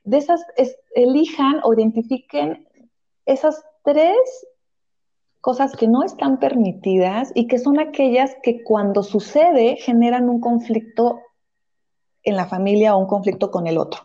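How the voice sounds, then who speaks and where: Woman, parenting professional, patient explainer, mellow tone, lo-fi audio. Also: fairly high pitch, a little slow. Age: adult, parent of a young child. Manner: explains patiently with frequent "¿sí?" checks. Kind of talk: conversational advice talk. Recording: slightly dull lo-fi audio.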